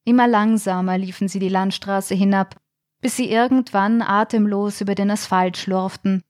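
A woman narrating a short suspense story in a measured, tense storytelling manner. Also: medium pitch, steady tone, darkish tone, dry recording, studio quality. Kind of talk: scripted audiobook narration.

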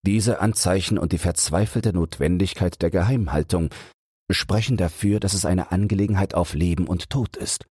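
A man reading the part of Sherlock Holmes, a keen analytical detective, in a measured way for a sleep audiobook. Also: deep voice, a little mellow, breathy edge, no room sound, studio quality. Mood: reasoning. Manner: measured, reasoning aloud.

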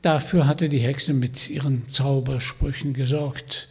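A man reading a fairy tale aloud, in a slow and expressive storytelling manner. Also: mid-range voice, creaky, breathy edge. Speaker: narrator. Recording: long hall reverb.

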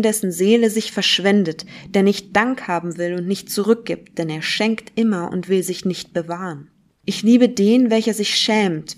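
A woman's voice: lowish voice, darkish tone, natural voice. A woman reading the words of a fervent male prophet who preaches to a crowd, declaiming them emphatically and solemnly. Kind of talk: dramatic reading of a philosophical text.

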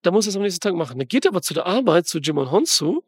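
A man's voice: sits high, big pitch swings, rapid-fire, breathy edge, no echo, clean studio sound. A man ranting in a casual podcast chat about a film, rambling and slangy with lots of fillers. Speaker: podcast co-host reviewing a film.

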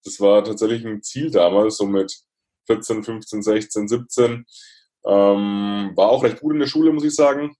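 A man, a podcast guest speaking reflectively, with pauses and restarts. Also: on the low side, steady tone, dark tone. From Franconia, Germany. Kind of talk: podcast interview.

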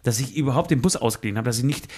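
A man's voice: medium pitch, rapid-fire, darkish tone, slightly rough. A man in his forties on a casual podcast, rambling through a confession story, swearing and acting out both sides of phone calls. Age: 40s. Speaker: podcast co-host.

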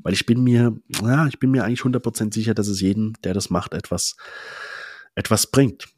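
A man's voice: fairly low pitch, darkish tone, slightly rough, dry recording, studio quality. A man hosting a solo motivational podcast, talking emphatically in a casual coaching manner with English fillers. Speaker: podcast host.

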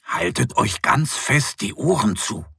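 A man's voice: medium pitch, expressive, measured pace, creaky, sharp tone, husky, no room sound, studio quality, full character voice. A man voicing an eager little bear cub boy in a children's story.

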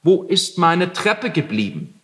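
A man's voice: high-pitched, very animated, slow, a bit bright, big-room sound, voice pushed up, full character voice. A man reading aloud and voicing an old landlord who scolds and blusters about his missing staircase. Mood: indignant. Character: old male landlord, furious and indignant. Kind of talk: literary reading.

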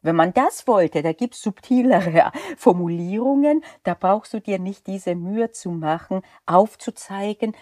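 A woman's voice: on the low side, a little mellow, dry recording, clean studio sound. A middle-aged woman, a law lecturer, talking candidly in a reflective podcast monologue. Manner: candid, personal, explanatory.

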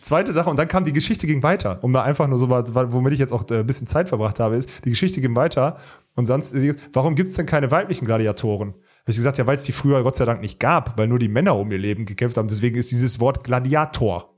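A podcast co-host who talks quickly and loosely. He rambles, cuts himself off, and circles back to finish his thoughts. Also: mid-range voice. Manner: rambling, self-interrupting, laughs easily. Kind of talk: casual podcast chat.

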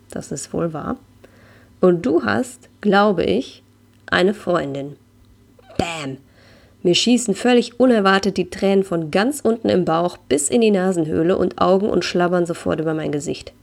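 A woman reads a story aloud in a calm, softly expressive way, then chats casually about the book. Her voice sits low and carries a steady gravelly fry. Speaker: book reviewer reading aloud.

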